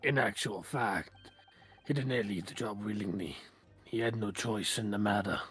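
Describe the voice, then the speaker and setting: A man putting on a gruff Scottish warder. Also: lowish voice, fairly bright tone, soft background music, lightly acted. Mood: gruff, guarded. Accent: put-on Scottish. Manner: slow, clipped dialect phrasing. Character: gruff male chief prison warder, guarded.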